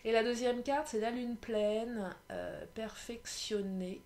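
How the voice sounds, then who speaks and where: A woman from France giving a casual tarot reading in a vlog, effusive and halting, full of restarts, speaking to her viewers as dear friends. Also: on the high side, steady tone, noisy background. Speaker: tarot card reader.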